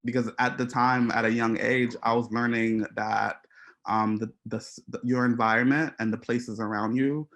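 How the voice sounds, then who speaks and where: A man from Haiti giving an artist talk about his photographs, speaking in a hesitant, reflective way with many pauses and restarts. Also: mid-range voice, level tone, a bit bright, a little hiss or hum. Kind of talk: presenting slides to an audience.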